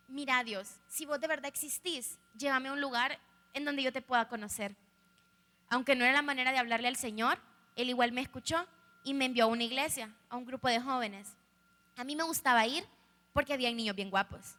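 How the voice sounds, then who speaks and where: A young woman with a Salvadoran Spanish accent shares a candid, funny personal testimony, speaking straight to a live audience. Her voice is high-pitched with a sharp tone. It's a live stream from an echoey hall.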